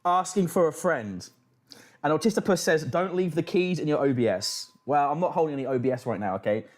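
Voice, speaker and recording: A man's voice: a little high, fast, a little mellow. A British man hosting a casual livestream, reacting and reading out chat with sweary, mocking banter. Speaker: livestream host.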